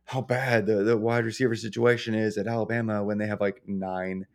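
A man's voice: fairly low pitch, little pitch movement, a little fast. A man co-hosting a podcast, thinking aloud about football with many fillers. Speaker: podcast co-host. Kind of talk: casual sports chat.

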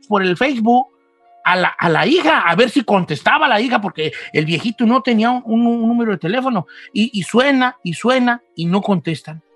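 A man, a show host telling a ghost story in an animated way, acting out the voices and often asking "¿no?". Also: high-pitched, no echo. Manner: animated, acts out voices, frequent "¿no?". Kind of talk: oral storytelling.

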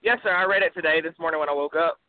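A man's voice: on the high side, very fast, no room sound. A polite nineteen-year-old man with a Texan accent, calling in as an interview guest and talking earnestly, sounding like he is in a wind tunnel. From Texas, USA. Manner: polite, says sir. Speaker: phone-in guest. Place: call-in from a car. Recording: tinny phone line, windy noise like wind tunnel.

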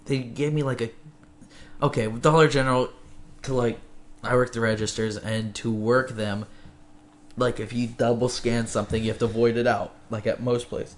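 A man's voice: mid-range voice, little pitch movement, normal speed, slight background noise. A young man co-hosting a podcast, chatting casually in a laid-back, rambling way and laughing often. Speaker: podcast co-host. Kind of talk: casual chat.

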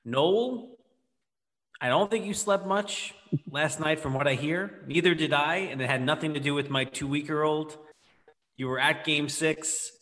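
A man's voice: a little high, measured pace, fairly bright tone, long reverb tail. A man hosting a sports podcast. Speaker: podcast host.

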